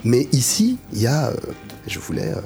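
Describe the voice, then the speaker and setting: A man's voice: mid-range voice, very animated, normal speed, vocal fry, mellow, soft background music. A male musician as an interview guest, talking in a casual, searching way and often restarting his phrases.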